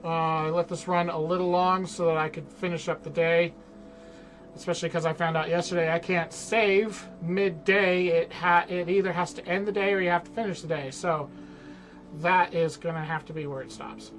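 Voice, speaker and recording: A woman's voice: fairly low pitch, steady tone, normal speed, soft background music. A woman giving casual commentary as she streams a game.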